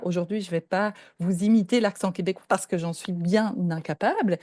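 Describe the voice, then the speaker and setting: A woman's voice: mid-range voice, warm tone, no echo, clean studio sound. An older woman from Belgium, a professor giving a lecture and explaining points step by step, often checking in with her listeners. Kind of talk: lecture presentation.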